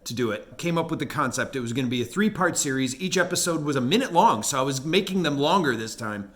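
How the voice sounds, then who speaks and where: With a medium-pitched, slightly bright voice, this man offers casual retrospective commentary as an animator and video host, wandering through thoughts about his past work with self-amused rambling.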